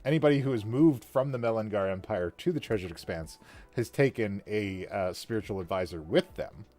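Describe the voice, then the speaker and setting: A man hosting a casual chat about building a fantasy world, talking in a lively way with frequent laughs and restarts. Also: fairly low pitch, fairly quick, faint music behind. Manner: animated, laughs often, trailing restarts. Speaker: podcast host and worldbuilder.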